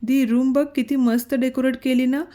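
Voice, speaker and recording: A woman's voice: high-pitched, little pitch movement, moderate pace, mellow, close to an everyday voice. A woman voicing a cheeky, chatty young girl living in a hostel. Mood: excited. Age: young adult. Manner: teasing, chatty.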